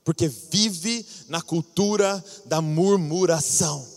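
High-voiced preacher in a reverberant hall. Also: male voice, takes it slowly, creaky. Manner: animated storytelling, acting out scenes. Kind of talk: sermon. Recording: long reverb of a large hall.

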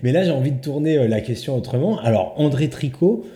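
A man's voice: medium pitch, expressive, a little fast, mellow. A man co-hosting a casual podcast, talking with many hesitations. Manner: hesitant, full of fillers. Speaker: podcast co-host. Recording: echoey room.

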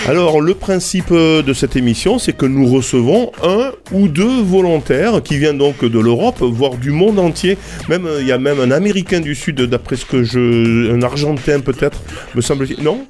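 A man's voice: fairly high pitch, lively intonation, moderate pace, a little mellow, soft background music. A man hosting a radio interview, talking with many hesitations and restarts from a studio. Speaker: radio show host.

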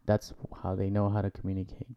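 A man's voice: sits low, completely flat delivery, fast, warm tone, smooth, dull audio. A man in his thirties hosting a podcast, asking questions in a casual, hesitant way as he works them out. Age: 30s. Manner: casual and hesitant, many fillers while forming questions. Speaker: podcast host. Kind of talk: conversational interview.

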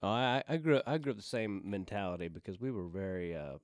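A man's voice: lowish voice, a little fast, dry recording, studio quality. A man from Arkansas who grew up in Kansas City, talking in a laid-back, profane podcast chat.

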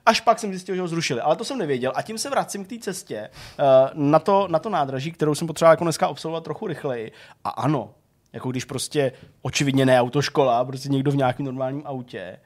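A man co-hosting a gaming podcast, telling a long, rambling story in casual chat, full of fillers. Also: on the high side. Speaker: podcast co-host.

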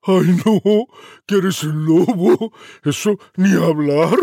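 Man doing a squeaky scared little piggy, high and shrill, dry close sound. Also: extremely slow, warm tone, no room sound, heavily acted. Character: small frightened male pig, shrill.

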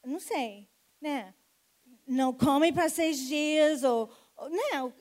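A woman's voice: sits high, slow pace, a little mellow. A woman preacher telling a healing testimony and calling people forward to pray. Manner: storytelling, calling people forward with rising energy. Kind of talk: sermon testimony and altar call.

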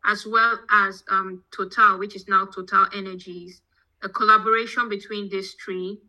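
Her mid-range voice stays level at normal speed, yet it's strikingly bright and forceful with a keen edge. She's a Nigerian-accented petroleum engineering professor and podcast guest, explaining her own path academically in conversational interview answers, heard through dull audio.

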